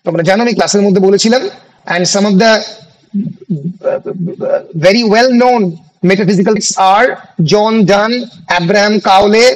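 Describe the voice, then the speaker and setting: A male college English teacher with a Bengali accent, lecturing an online class and dictating exam questions in slow English phrases between Bengali explanations. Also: high voice, poor audio. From India.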